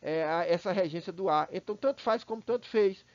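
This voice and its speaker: A man's voice: high voice, brisk, no room sound. A male teacher with a Brazilian Portuguese accent explaining a grammar point, often checking in with his students and repeating words while he thinks. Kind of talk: recorded online class. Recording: dry, dull lo-fi recording.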